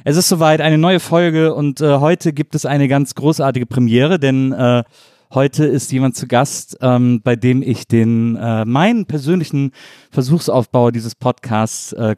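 Casual German podcast host, dry sound. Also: male voice, mid-range voice, steady tone, measured pace, a little mellow, dry recording. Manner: loose, rambling, many fillers.

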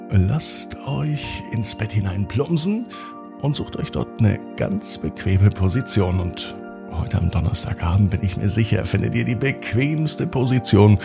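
A man narrating a bedtime story for children in a gentle, soothing, calm manner. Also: lowish voice, vocal fry.

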